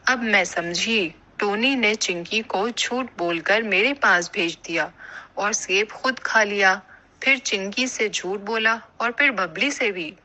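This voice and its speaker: A woman voicing a kind, motherly female pigeon in an animated cartoon, speaking gently and giving advice. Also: medium pitch, close to an everyday voice, poor audio. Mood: caring. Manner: gentle and advising.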